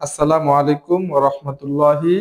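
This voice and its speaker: A man teaching a reading lesson, patiently spelling out syllables one by one in a steady chant. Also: fairly high pitch, a little fast, reverberant, poor audio.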